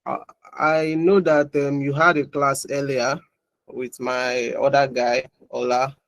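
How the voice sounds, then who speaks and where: A man's voice: mid-range voice, level tone, slow pace, a bit bright. Man tutoring over a video call. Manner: chatty, loose, with frequent restarts and repeated words. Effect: heard over a video call. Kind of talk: online class, casual chat before teaching.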